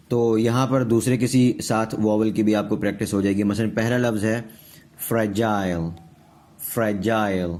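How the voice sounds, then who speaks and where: A man teaching a pronunciation lesson, slowly repeating example words and checking understanding as he goes. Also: lowish voice, a little mellow. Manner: slow, repeats words for drilling, checks understanding with tag questions. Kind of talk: classroom-style lesson.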